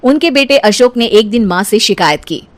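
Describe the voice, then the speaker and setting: A woman's voice: on the high side, lively intonation, moderate pace. A woman narrating a scripted comic cartoon story as its storyteller.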